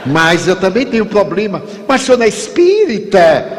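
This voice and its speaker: A man's voice: high-pitched, very animated, a little fast, slight background noise, pitched above the performer's own voice. A man voicing an irritable male stranger at an airport who fires challenging, incredulous questions. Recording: long hall reverb.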